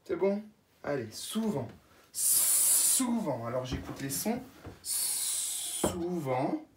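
A woman teacher dictates simple words to young children in a low voice, spelling each one slowly letter by letter. She sits back from the microphone in a room with an echo. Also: very animated, darkish tone, a little hiss or hum. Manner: slow, spells words letter by letter and repeats them. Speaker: first-grade teacher. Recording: echoey room, voice from a distance.

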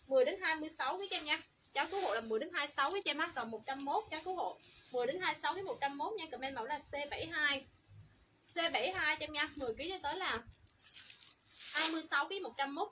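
Woman, livestream seller, high voice, breakneck pace, noisy room behind her. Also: sharp tone. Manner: rattles off product codes and sizes, upbeat selling. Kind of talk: fast livestream sales pitch.

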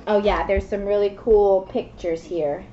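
Speaking at a mid-range pitch with fairly even intonation, this woman in her thirties has a dark tone and goes a little slowly. She's a mother and children's read-aloud presenter, reading a picture book to a small child in a small indoor classroom, chatting in simple terms and frequently asking questions to check in. The recording is muffled, echoey, noisy webcam audio.

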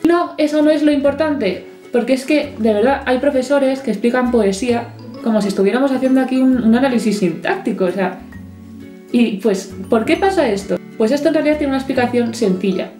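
A woman from Spain giving a lively, chatty poetry lesson with playful asides. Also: sits high, a little fast. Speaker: literature teacher. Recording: echoey room, soft guitar music.

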